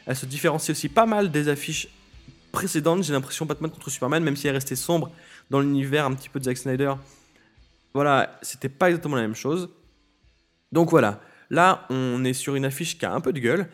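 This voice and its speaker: A man's voice: medium pitch, fairly quick, soft background music. A man hosting a podcast in casual solo talk, hesitant, with many fillers and restarts. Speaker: podcast host.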